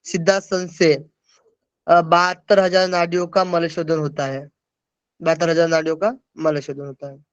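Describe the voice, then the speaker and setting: A man teaches yoga over a video call, working through verse after verse and checking that his students follow. His voice sits high and sounds smooth and clear, close and dry. The call audio is dull and lo-fi. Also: level tone, normal speed, dry recording. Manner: explains verses, checking in with listeners. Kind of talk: online class lecture.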